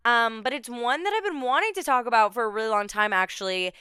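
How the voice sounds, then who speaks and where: A young woman hosts her own podcast in a bubbly, chatty way, stacking repeated words for emphasis. Her voice is bright and very clean, with sharp treble. The sound is dry and close. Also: a little high, fast talker, clean tone, dry recording. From Minnesota, USA. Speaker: podcast host. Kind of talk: casual solo podcast chat.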